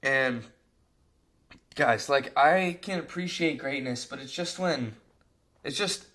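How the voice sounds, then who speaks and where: A man's voice: mid-range voice, slow. A young man giving a casual fight breakdown, talking animatedly and exasperatedly, filling his sentences with slang. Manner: animated, frequent "bro", exasperated rants. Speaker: MMA commentator.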